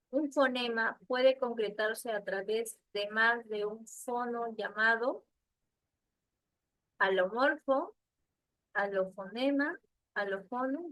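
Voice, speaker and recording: A woman teacher leading an online class, patiently asking questions and repeating answers slowly over a video call. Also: a little high, a bit bright, no room sound, poor audio.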